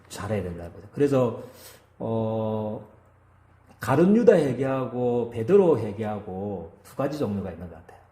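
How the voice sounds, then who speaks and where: With a warm, mellow voice whose pitch swings up and down in a lively way, a male pastor delivers his sermon. He repeatedly asks the congregation to agree with him, and the sound echoes like a church hall.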